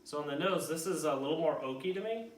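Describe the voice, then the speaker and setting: A man's voice: a little high, animated, quick pace, crowd noise. A man hosting a whisky tasting, explaining flavors in a hesitant way full of ums and likes. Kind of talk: casual tasting chat. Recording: roomy sound from a distant mic.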